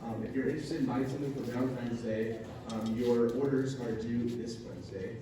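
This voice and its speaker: A man's voice: medium pitch, fairly even intonation, brisk. A man reading school announcements plainly, hesitating with fillers. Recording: very echoey, distant, noisy room audio.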